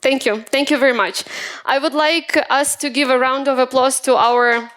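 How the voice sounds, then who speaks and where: A woman's voice: sits high, steady tone, normal speed, a bit bright, clean tone. Chatty woman hosting a startup event. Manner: chatty, hesitant, many fillers. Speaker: event host. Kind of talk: moderating a startup demo day. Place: event stage in Kyiv.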